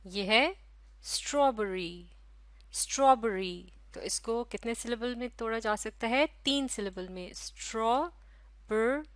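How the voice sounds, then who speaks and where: A woman teacher giving a recorded lesson, talking slowly and patiently, breaking words into syllables and repeating them. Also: fairly high pitch, dry recording. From Pakistan.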